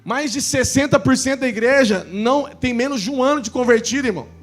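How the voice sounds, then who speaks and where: Brazilian pastor, very high voice, shouts then hushes, soft music underneath. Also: male voice, fast talker. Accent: Brazilian Portuguese. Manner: swings from shouted preaching to hushed storytelling. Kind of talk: sermon.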